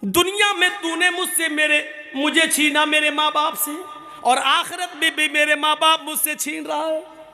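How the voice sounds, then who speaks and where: A man preaching an impassioned sermon at a public religious gathering, chanting and shouting with emotion. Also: extremely high pitch, fairly even intonation, soft background music. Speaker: Islamic preacher.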